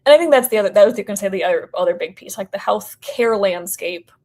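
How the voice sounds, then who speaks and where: An American woman representing a company speaks as a guest in a casual podcast interview, keeping it informal and hedging with lots of "like" and "sort of." She talks fast and animatedly in a mid-range voice with a darkish tone.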